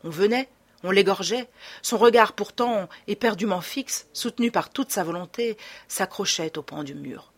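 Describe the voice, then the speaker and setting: A woman reading a classic French adventure novel aloud in a measured, dramatic narration. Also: mid-range voice, slightly rough. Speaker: audiobook narrator. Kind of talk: scripted narration.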